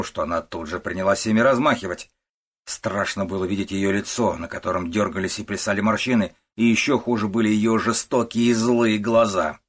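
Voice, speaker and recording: A low-pitched male narrator reads a novel aloud, steady and measured. His voice has a husky, breathy grain. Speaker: audiobook narrator. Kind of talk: scripted narration.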